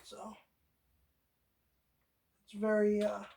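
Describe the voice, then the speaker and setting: A woman's voice: mid-range voice, monotone, very slow, creaky, dark tone. A woman hosting a casual how-to video, rambling, swearing freely and talking straight to the viewer. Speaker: DIY video host.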